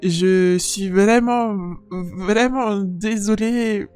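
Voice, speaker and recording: A calm, formal hospital receptionist speaks politely and gently, pausing as she picks her words. A woman voices her in a game role-play. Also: mid-range voice, smooth, faint music behind. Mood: gentle formal. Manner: polite, measured, hesitant consoling.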